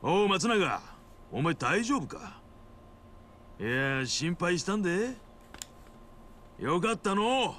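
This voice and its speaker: Brash Hiroshima yakuza boss, high-pitched. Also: male voice, big pitch swings, takes it slowly, long pauses, a bit bright, slight background noise, heavily acted. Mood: bossy. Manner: gruff bossy dialect, fawning toward his sworn brother. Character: brash, middle-aged male yakuza boss, loud and loyal. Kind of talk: rough yakuza speech, video game voice acting.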